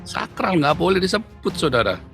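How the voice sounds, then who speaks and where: A middle-aged male pastor answering a question in an animated, emphatic way, repeatedly addressing his listeners directly. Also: sits high, moderate pace, creaky, over music. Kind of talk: preaching Q&A answer.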